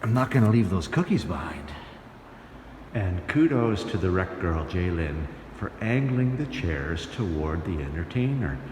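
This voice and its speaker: A man who works as a touring musical entertainer and host narrates his travels in a casual vlog style. His low voice swings widely in pitch at a measured pace, sounding a little mellow with slight hiss or hum. The room echoes, and music plays behind him.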